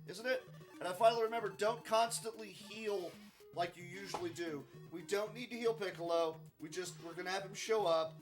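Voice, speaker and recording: A tired, yawning man commentating his live speedrun in a casual style, rambling through joking, self-mocking asides. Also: high voice.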